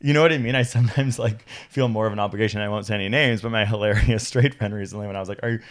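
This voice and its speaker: A man co-hosting a casual podcast chat, animated and quick to laugh. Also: lowish voice. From Canada. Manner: animated, laughing, breaks into sung lines. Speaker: podcast co-host.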